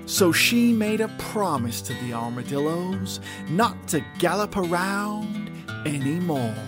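Female children's storyteller, unhurried and lively in pitch, music underneath. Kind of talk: children's scripted story narration.

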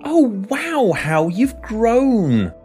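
A man voicing a fussing, delighted old grandmother in a storybook reading, with gushing, breathy exclamations. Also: very high-pitched, wildly swooping pitch, extremely slow, mellow, faint music behind, voice pushed up, full character voice.

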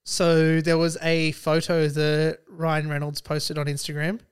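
A woman's voice: deep voice, flat delivery, unhurried, clean tone. A woman with an Australian accent chatting casually and jokily about films as a podcast co-host, with plenty of slang and swearing. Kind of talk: casual film and pop-culture chat.

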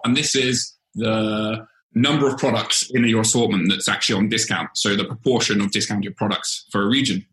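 A man with a fairly low voice explains charts in a steady, methodical way, restarting phrases as he goes. His tone is bright and forceful. The recording sounds echoey, like a bare room. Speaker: senior data scientist presenting a dashboard. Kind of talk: explaining data in a casual work chat.

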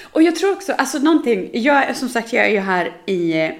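A young woman co-hosting a casual podcast chat, telling animated stories and laughing often. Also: fairly high pitch. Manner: animated storytelling, quoting others, laughs often. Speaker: podcast co-host.

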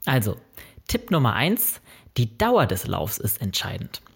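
A man's voice: mid-range voice, huge pitch swings, a little slow, gravelly, husky. A man presenting a scripted explainer on running, speaking directly to the viewer in a friendly, informative way and working through numbered tips. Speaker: running vlogger.

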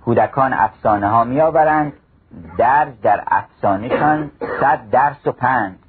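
A man's voice: mid-range voice, husky. A man giving a storytelling talk on mystical wisdom, reciting classical verse in a chanting cadence. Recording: phone-like narrow radio recording.

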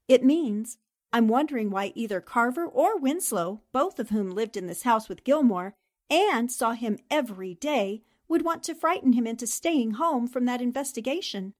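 This woman plays a sharp, unflappable newspaper columnist who sleuths on the side in a radio mystery, telling her lines in a slow, narrative way. Her voice sits on the high side and is expressive yet close to everyday speech, with a thoughtful, pensive mood.

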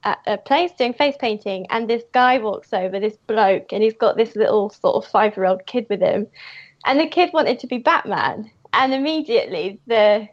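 Lively high-voiced woman. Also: normal speed, dull audio. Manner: animated, laughs often, retells stories with gusto. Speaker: comic creator guest. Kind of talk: casual podcast chat.

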